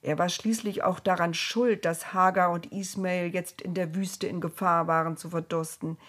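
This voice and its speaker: A woman reading a children's story aloud in a calm, measured way. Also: lowish voice.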